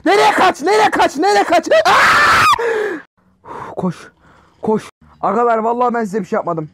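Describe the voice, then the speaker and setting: A man giving loud, excitable reactions while gaming, yelling and swearing at what happens on screen. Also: very high-pitched, brisk, a little hiss or hum. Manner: excitable, yells and swears at the game. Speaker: gamer and YouTuber.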